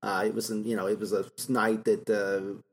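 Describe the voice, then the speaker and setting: A man's voice: fairly low pitch, flat delivery, normal speed. A man co-hosts a casual film podcast. He recaps scenes in a loose, rambling way, full of fillers and small laughs. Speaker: podcast co-host.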